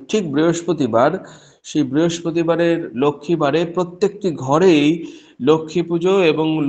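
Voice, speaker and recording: A middle-aged man gives a spoken discourse on spiritual teachings in a slightly high voice. He restarts and repeats phrases as he explains, and acts out the voices in the stories he tells. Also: a little mellow. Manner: acts out quoted exchanges in a story. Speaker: professor giving a religious talk.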